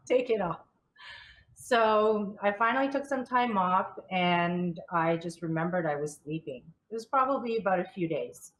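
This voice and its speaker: A woman's voice: on the low side, a bit bright, a little hiss or hum, rough recording. Candid woman telling her spiritual story. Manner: candid, repeats and restarts words, often laughs. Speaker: spiritual coach and channeler guest. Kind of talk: personal storytelling in an interview.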